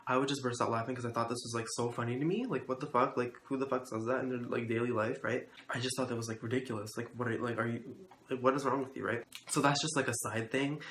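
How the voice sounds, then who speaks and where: A young man tells a story straight to camera, rambling and loose, with "like" dropped into nearly every phrase and plenty of swearing. His voice sits at an ordinary middle pitch. The room around him rings with echo, and a faint ambient hum runs underneath. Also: fairly even intonation, fast, fairly bright tone. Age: young adult. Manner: rambling, heavy use of "like", profane, incredulous. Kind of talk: casual storytelling vlog.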